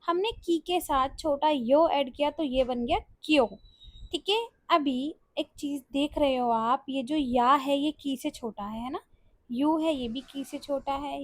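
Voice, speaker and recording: A woman's voice: sits high, dry recording, studio quality. A woman teaching a beginners' language lesson, explaining step by step and often checking that learners follow.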